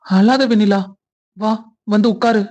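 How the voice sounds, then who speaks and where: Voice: medium pitch, steady tone, a little slow, a little mellow, lightly acted. A performer voicing a young husband in a cartoon family drama who earnestly pleads for his wife, with a Kongu Tamil accent. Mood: tender. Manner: pleading, protective.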